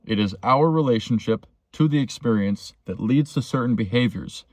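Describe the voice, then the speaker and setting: An earnest man thinks aloud in a self-help vlog, circling back to his points with plenty of "you know" and "uh." His voice sits at an ordinary middle pitch. The sound is dry and close. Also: animated, normal speed, a little mellow, dry recording. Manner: rambling, earnest, many fillers. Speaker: vlogger. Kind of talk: reflective self-help monologue. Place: beside a road, waiting for a tow truck.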